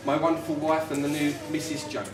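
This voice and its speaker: A man's voice: fairly high pitch, monotone, a little fast, music in the background. A British man giving an informal, teasing wedding toast as the groom. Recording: distant mic, roomy, loud crowd noise. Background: noisy wedding guests.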